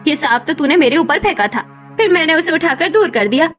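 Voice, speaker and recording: A woman's voice: high-pitched, animated, fairly quick, a bit bright, soft background music. A woman voicing a cruel old village mother-in-law in a cartoon story, harsh and taunting. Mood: harsh scolding.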